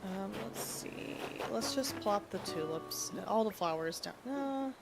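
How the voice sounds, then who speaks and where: While playing a game, a sniffly woman streamer chats casually and thinks out loud. She has a mid-range, gravelly voice.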